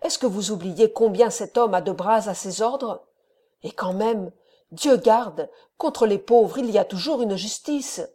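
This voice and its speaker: A woman voicing an anxious, pious older mother who gives hushed, worried warnings. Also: medium pitch, measured pace, close to an everyday voice.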